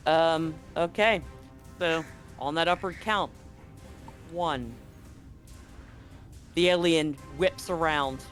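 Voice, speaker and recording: On a live online stream, a man with a slightly high, somewhat bright voice runs a tabletop roleplaying game as game master. He moves between dramatic scene-setting and casual rulings.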